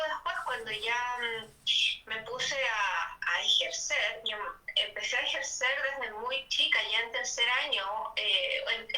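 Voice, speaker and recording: Speaking in a pushed, bright voice on the high side, a young woman from Bolivia reflects at length in a casual conversation as an interview guest, often restarting her flowing sentences. The video-call audio is echoey and sounds like a distant phone line.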